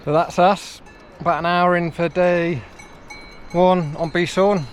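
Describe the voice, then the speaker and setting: A man's voice: sits high, fairly even intonation, a little slow, soft background music. A man hiking and talking casually, unscripted, to his camera. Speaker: hiker filming a vlog.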